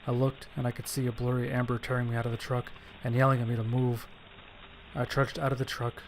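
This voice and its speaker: A fast-talking man with a medium-pitched, flat delivery plays an injured survivor telling his story in a scripted horror audio drama. Lightly acted, somber and descriptive with casual profanity, it comes through a low-quality recording with slight background noise.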